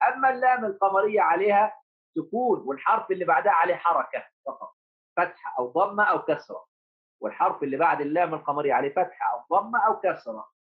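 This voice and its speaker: A man with a high voice teaches young pupils remotely, calling them heroes and coaxing them along. He repeats each rule, then asks a question and answers it himself. The sound is thin and phone-like. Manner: repeats key points, asks and answers his own questions. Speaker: primary school Arabic teacher. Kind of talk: remote lesson for children.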